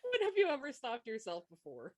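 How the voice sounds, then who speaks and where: A woman's voice: sits high, huge pitch swings, fairly quick, no echo. Teasing woman in casual chat. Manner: teasing, laughs often. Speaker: podcast co-host.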